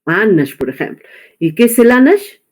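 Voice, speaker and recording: A woman teaching an online class, pausing often on fillers and checking in with tag questions. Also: medium pitch, big pitch swings, a little mellow. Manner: hesitant, many filler pauses and tag questions.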